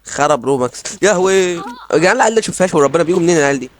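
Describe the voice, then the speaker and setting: A young man with an Egyptian Arabic accent commenting on his own online shooter match, rapid and excitable, repeating himself in frustrated outbursts. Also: fairly high pitch. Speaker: gaming channel host. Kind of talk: live gameplay commentary. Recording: music over gameplay.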